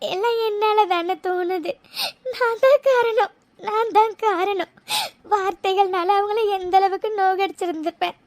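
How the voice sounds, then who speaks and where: A woman's voice: very high-pitched, fairly even intonation, moderate pace, no room sound. A woman voicing a young cartoon daughter who cries and pleads, weighed down by guilt. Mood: guilty, sobbing. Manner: sobbing, pleading. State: crying. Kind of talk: cartoon voice acting.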